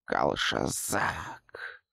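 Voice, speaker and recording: A man voicing a cruel, menacing male sorcerer in an audiobook, speaking slowly and coldly. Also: pushed and bright, no room sound, studio quality. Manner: slow, menacing delivery.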